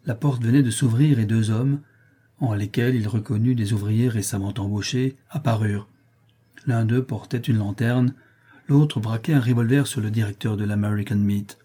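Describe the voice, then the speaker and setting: Husky man reading a story. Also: on the low side, steady tone, moderate pace, mellow. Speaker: narrator. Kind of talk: audiobook reading.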